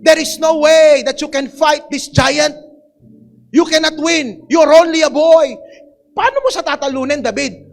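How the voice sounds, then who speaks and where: A man's voice: extremely high pitch, animated, moderate pace, gravelly, fairly bright tone, faint music behind, exaggerated voice. A man voicing a doubtful king who scolds and dismisses a boy in a sermon retelling. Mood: scornful.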